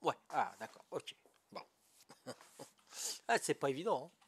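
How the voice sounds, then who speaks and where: A man's voice: medium pitch, big pitch swings, measured pace, husky. Good-natured older gamer man from Corsica. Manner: good-natured, lots of "hein" and "voilà", asks for guidance. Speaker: gamer streamer. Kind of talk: casual gameplay chat.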